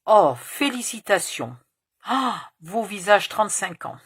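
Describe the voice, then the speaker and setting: A woman's voice: mid-range voice, sing-song, normal speed, a bit bright, husky. A woman putting on the voice of a blunt foreign woman radiologist who speaks in clipped, broken phrases.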